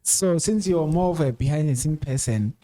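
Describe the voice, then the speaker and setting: A male host leads a relaxed talk show, posing questions in a casual, easygoing way and relying on fillers. His voice is mellow, warm, on the high side and expressive, at a normal speed. The audio is dry and close with no room sound at all.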